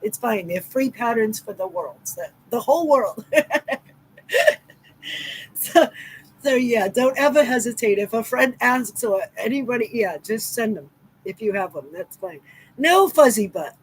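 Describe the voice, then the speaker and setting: An expressive, somewhat high-pitched woman speaks at a measured pace on her livestream, greeting viewers by name in a casual, affectionate way. The middle-aged host is from Massachusetts and has a Southeastern Massachusetts accent; the audio is poor, with slight background noise.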